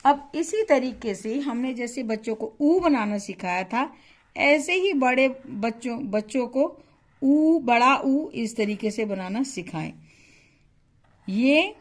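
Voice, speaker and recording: Woman teacher, high, lively voice, slow and patient, asks then answers. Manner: stretches vowels to model pronunciation. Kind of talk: instructional lesson.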